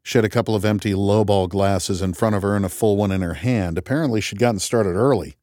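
A man narrating an audiobook in the first person, measured and wry, as if thinking aloud. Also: lowish voice, darkish tone, no room sound, studio quality.

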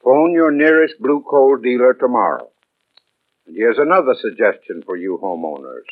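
A man's voice: medium pitch, animated, normal speed. An American man giving a scripted old-time radio advertisement as spokesman, formal, earnest and persuasive. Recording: tinny band-limited vintage radio broadcast.

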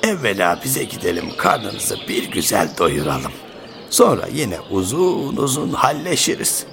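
A creaky, grumbling old village patriarch, radio play. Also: male voice, on the low side, sing-song, unhurried, a bit bright, full character voice. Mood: gruffly welcoming. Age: older. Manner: grumbling, scolding, rhetorical questions. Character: cantankerous village patriarch, old man with failing eyes. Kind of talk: radio theatre acting in folksy rural speech.

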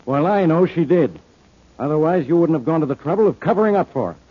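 A gruff, blustering inspector from an old radio mystery. His voice is husky and fairly high, always accusing, on a dull vintage recording. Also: lively intonation, fast talker. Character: blustering, suspicious police inspector, gruff and stubborn. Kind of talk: 1940s radio detective acting.

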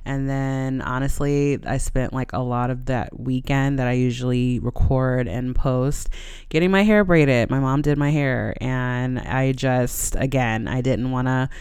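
A podcast host chatting casually and conversationally alone, in a smooth, clear voice close to the microphone. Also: mid-range voice, fairly even intonation, unhurried, darkish tone, no room sound. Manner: conversational, laughs easily while talking.

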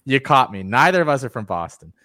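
A man's voice: mid-range voice, very animated, fast, pushed and bright, dry recording, studio quality. A man hosting a podcast, confidently giving his picks in a casual sports analysis chat. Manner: confident, gives firm picks and advice. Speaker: podcast host.

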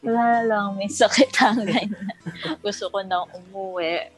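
A young woman co-hosting a podcast, reminiscing about childhood in relaxed chat, laughing often and mixing English into her Tagalog. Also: medium pitch, a little slow, faint music behind, poor audio. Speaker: podcast co-host. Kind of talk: casual chat.

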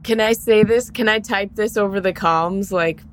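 A woman's voice: mid-range voice, moderate pace, slight background noise. A woman playing a tabletop game, thinking out plans aloud. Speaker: player. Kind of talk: casual tabletop play.

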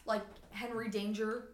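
A woman's voice: mid-range voice, level tone, slow, echoey room, a little hiss or hum. A woman co-hosting a podcast, chatting casually and laughing easily. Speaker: podcast co-host. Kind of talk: casual chat.

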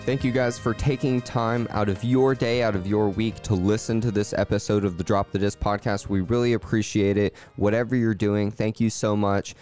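A man hosting a podcast, reading intros and a sponsor message in a friendly, steady way. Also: on the low side, moderate pace, few pauses, soft background music. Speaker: podcast host. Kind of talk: scripted intro and sponsor read, casual chat.

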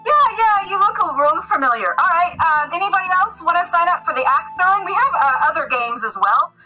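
A man's voice: very high voice, lively intonation, brisk, over music, voice pushed up, low-quality recording. A woman voicing a large, friendly male centaur who organizes games, talking in an upbeat, welcoming way.

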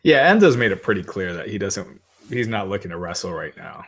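A man's voice: sits low, sing-song, a little fast, fairly bright tone, husky. A man in his forties co-hosting a podcast, talking casually with frequent hesitations. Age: 40s. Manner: hesitant, many ums and uhs. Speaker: podcast co-host. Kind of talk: casual wrestling talk chat.

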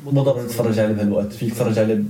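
A man's voice: lowish voice, fairly even intonation, racing, warm tone. A man in a casual chat who rambles and repeats words. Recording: echoey room with crowd chatter behind.

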